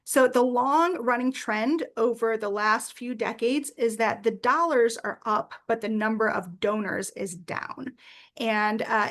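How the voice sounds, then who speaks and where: An American woman presents at a workshop, telling a personal story with earnest warmth and frequent "uh" fillers. Her voice is fairly high.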